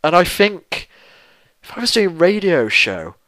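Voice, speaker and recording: A man's voice: high voice, sing-song, unhurried, pushed and bright, no room sound, poor audio. A young man hosting a let's play channel, answering viewer questions in a casual, rambling and self-deprecating way, swearing freely and restarting his sentences.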